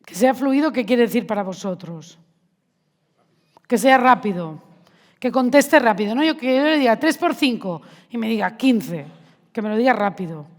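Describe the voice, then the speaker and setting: A woman giving a conversational conference talk to teachers, often asking the audience questions. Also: a little high. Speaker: math education speaker. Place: large hall with audience. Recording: reverberant hall.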